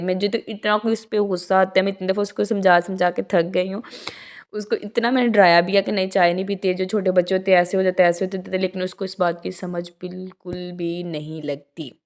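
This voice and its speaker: A woman's voice: fairly low pitch, fairly even intonation, brisk, a little mellow. A young woman from Pakistan telling a rambling, chatty story as a vlog voice-over, tired from talking so long. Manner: rambling and chatty, with frequent restarts and asides. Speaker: vlogger.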